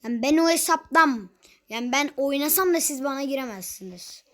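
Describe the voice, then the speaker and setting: A woman's voice: high voice, expressive, a little fast. A young woman talking casually over her own gameplay, chatty and easily exasperated, with teasing asides. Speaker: gaming youtuber.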